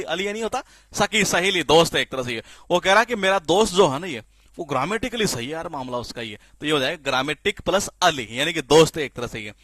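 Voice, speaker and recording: A man teaching spelling in a classroom-style lecture, lively and repetitive, often asking the class questions and answering them himself. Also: fairly high pitch, no room sound. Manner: lively, repeats questions to the class, frequent filler "ye".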